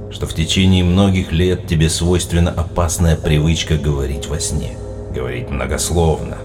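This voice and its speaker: A man reading an audiobook voices an unseen, disembodied male voice in the dark that calmly mocks and interrogates, sounding distant and hollow. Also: sits low. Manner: calm, taunting, unhurried interrogation. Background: music.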